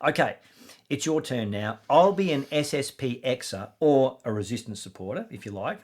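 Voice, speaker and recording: A man co-hosting a scripted podcast, animated and emphatic. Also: normal speed. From Australia. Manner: animated, emphatic, rising pitch on jabs. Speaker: podcast co-host. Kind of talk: scripted comedic podcast banter.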